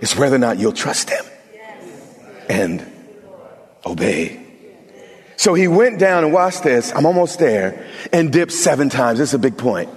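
A man's voice: medium pitch, big pitch swings, a little slow, long pauses. Emphatic preacher man, reverberant hall. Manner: emphatic preacher, talks to the congregation, humor asides. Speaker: pastor. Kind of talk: sermon.

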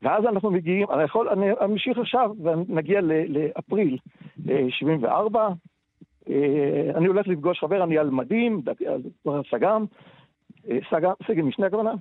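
A man's voice: on the high side, animated, no echo. Older man on a tinny phone line. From Israel, Tel Aviv. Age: 60s. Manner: halting, retells dialogue, many hesitations. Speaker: interview guest. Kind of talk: personal war recollection in a radio interview.

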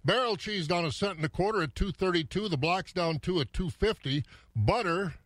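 A man's voice: high-pitched, moderate pace, a bit bright, no room sound. A man hosting a morning farm market report on radio, easygoing and folksy with frequent fillers. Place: radio studio. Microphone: studio mic.

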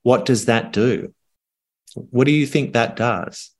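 Pitched at a medium level, the middle-aged communication coach's voice stays calm and earnest on the podcast. He reflects as he talks and leaves pauses as he goes.

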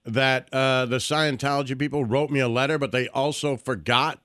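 A man's voice: medium pitch, fairly even intonation, normal speed, fairly bright tone, dry recording, studio quality. A man co-hosting a podcast, chatting in an informal, blunt way. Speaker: podcast co-host. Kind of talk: casual chat.

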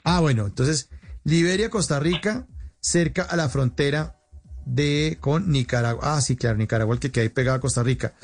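A man's voice: mid-range voice, fairly quick, faint music behind. Chatty Colombian radio host, man. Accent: Colombian Spanish. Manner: chatty, playful questioning. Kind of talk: lively call-in radio chat.

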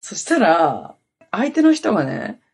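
A woman's voice: on the low side, huge pitch swings, slow pace, darkish tone, slightly rough. A woman hosting a podcast, telling a long story in a rambling, casual way with lots of fillers. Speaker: podcast host. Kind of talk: casual chat.

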